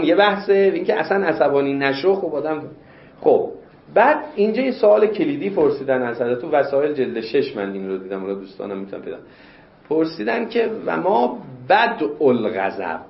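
A man teaching religious law in a classroom lecture. He explains texts and pushes his voice up sharply to stress his questions. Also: medium pitch. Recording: roomy, dull lo-fi lecture recording.

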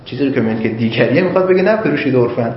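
Animated man lecturing in an echoey room. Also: mid-range voice. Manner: animated, reasoning aloud with examples. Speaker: seminary teacher. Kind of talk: jurisprudence class lecture. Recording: echoey classroom, lo-fi, faint noise.

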